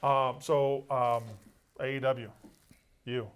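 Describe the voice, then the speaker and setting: A man hosting an irreverent comedic interview, asking questions and teasing in a deadpan way. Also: mid-range voice, takes it slowly, smooth. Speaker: interviewer, host.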